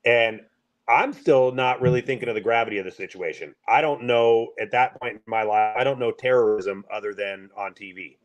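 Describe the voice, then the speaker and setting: A man from the Pacific Northwest, a truck driver, telling a story in a casual, rambling, halting way with many fillers. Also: medium pitch, highs cut off.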